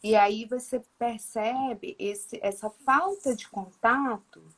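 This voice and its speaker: A woman's voice: fairly high pitch, slow pace, a bit bright. A woman, a Gestalt therapist, taking part in a live online discussion over a video call and building on her colleague's points. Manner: agreeing, building on the other's points.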